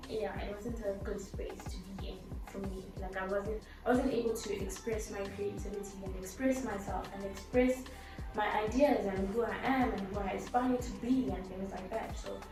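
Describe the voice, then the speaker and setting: A woman's voice: medium pitch, fairly even intonation, moderate pace. A twenty-year-old woman from South Africa telling her story in a casual, rambling vlog, full of fillers and restarts. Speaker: vlogger. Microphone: laptop or phone camera mic. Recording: echoey room, voice from a distance, music playing.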